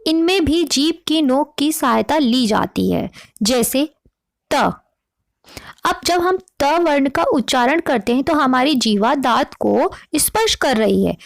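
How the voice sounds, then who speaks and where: A woman teacher explaining a lesson slowly and sounding out each sound she demonstrates. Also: high voice, lively intonation, creaky, no echo, clean studio sound. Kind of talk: explaining to students.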